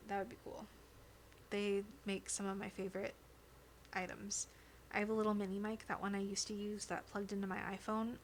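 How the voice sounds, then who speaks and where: A woman streamer chats casually with her viewers, rambling from one thought to the next and laughing easily. She speaks into a close dynamic microphone at an ordinary pitch, with a faint hiss of noise underneath. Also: little pitch movement, fairly quick. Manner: chatty and rambling, often laughing. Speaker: livestreamer. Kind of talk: casual livestream chat with viewers. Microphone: dynamic studio microphone.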